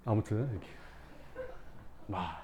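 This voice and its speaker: A male math teacher telling his students a lively story in class, acting out scenes with shouts and sound effects. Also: on the low side, takes it slowly, dull audio, noisy background.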